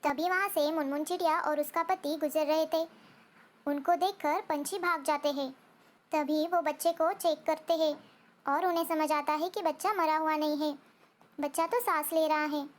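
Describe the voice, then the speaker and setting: A woman's voice: sits high, steady tone, moderate pace. A woman narrating a children's cartoon story in a simple, sing-song way.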